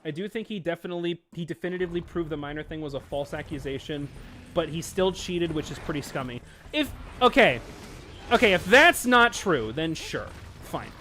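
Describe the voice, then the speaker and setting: A man hosting a casual gaming chat while playing, animated and rambling, laughing often. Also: fairly high pitch, fairly quick, slight background noise. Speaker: gaming channel host. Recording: faint game music behind.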